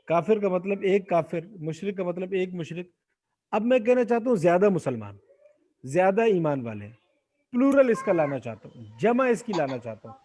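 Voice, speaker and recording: A man's voice: sits high, warm tone. A man teaching Arabic grammar in an online class, putting questions to his students and having them answer aloud. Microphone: video call.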